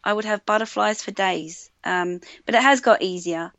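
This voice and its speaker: A woman with an Australian accent, a radio producer talking casually in an interview, animated and full of fillers and restarts. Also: mid-range voice, moderate pace, vocal fry, dry recording. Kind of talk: conversational interview. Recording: dull lo-fi sound, dry.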